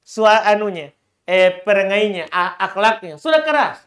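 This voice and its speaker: A man's voice: high voice, sing-song, normal speed, fairly bright tone. Male preacher, emphatic repetition. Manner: repeats key phrases, voice rising sharply for emphasis. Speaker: Islamic preacher. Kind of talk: religious lecture with Q&A.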